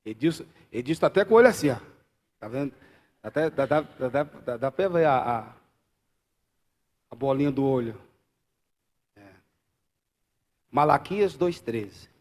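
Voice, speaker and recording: A man with a Brazilian Portuguese accent preaching a live church sermon, swinging from loud exclamations to quiet asides and bantering with the congregation. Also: medium pitch, animated, unhurried, pauses often. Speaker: pastor.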